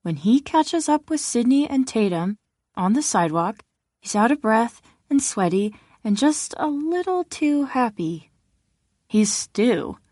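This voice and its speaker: A woman reading an audiobook in a measured, expressive narration style. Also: on the high side, no room sound, studio quality. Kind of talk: scripted narration.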